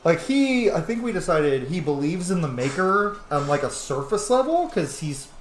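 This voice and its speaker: This man's voice sits on the high side with a sing-song lilt and a normal speed as he chats his way through a roleplay game, wandering off into asides and fillers. It's captured on a home camera setup with a roomy echo and a bit of background noise.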